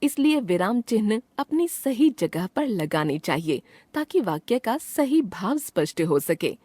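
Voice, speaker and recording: A woman reads a scripted grammar lesson in a precise, measured way. Her pitch moves a lot from phrase to phrase, which makes the reading sound lively. The sound is close and dry, with no room around it. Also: no echo. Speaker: grammar teacher narrating a lesson.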